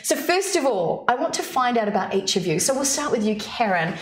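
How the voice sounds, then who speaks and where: A woman's voice: fairly high pitch, sing-song, brisk. A woman hosting a live studio chat show, bubbly and enthusiastic. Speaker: host. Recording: echoey studio, faint noise.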